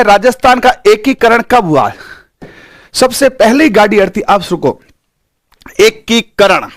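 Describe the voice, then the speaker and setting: A high-pitched male teacher, teaching a live online exam-prep lesson. His voice swoops up and down as he coaxes students and repeats points to drill them in. The sound is close and dry, with no room echo. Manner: animated, coaxing, repeats key points.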